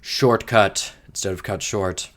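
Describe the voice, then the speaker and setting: Low-voiced man musing over a crossword. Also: steady tone, slow pace, fairly bright tone. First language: English. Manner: thinks aloud, rambling digressions, mild swearing. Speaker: podcast host solving a crossword. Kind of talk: casual solo puzzle-solving chat.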